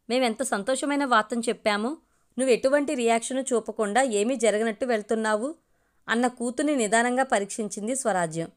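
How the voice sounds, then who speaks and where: Storyteller, woman, steady measured audiobook reading, somewhat high voice.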